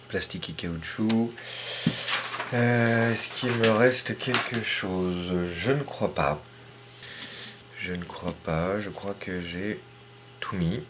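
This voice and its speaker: A man with a very low voice walks through a hands-on tutorial at an unhurried pace, explaining each step as he works. He often talks half to himself, dropping into soft murmurs. The recording was made in a home kitchen and carries a steady, clearly audible noise. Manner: calm, step-by-step, talks to himself while working, drops to murmurs. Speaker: hobbyist astrophotographer.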